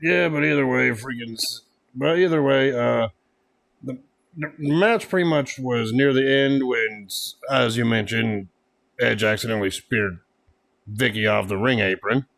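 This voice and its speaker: A man's voice: medium pitch, measured pace, vocal fry, a bit bright. A man casually reviewing a wrestling event, rambling with lots of fillers and frequent laughs. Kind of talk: casual podcast chat.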